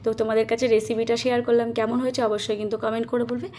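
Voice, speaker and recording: Her voice sits fairly high and a little mellow, racing along with a flat delivery. She's a home vlogger chatting directly to her audience while doing daily housework, moving from the kitchen to the rooftop.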